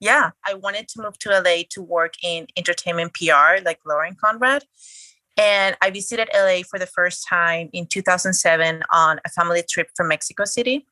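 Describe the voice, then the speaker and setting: A woman's voice: on the low side, normal speed, sharp tone, no room sound. A woman, talking chattily as a podcast guest. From Spain. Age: late 20s. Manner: chatty, eager storytelling. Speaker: guest, blogger. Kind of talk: casual interview talk.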